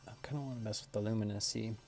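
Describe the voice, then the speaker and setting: A man's voice: fairly low pitch, steady tone, rapid-fire, creaky, a little mellow, a little hiss or hum. A man streaming live, chatting casually and thinking aloud as he works, now and then scatting a beatbox. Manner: scat-beatboxes between remarks.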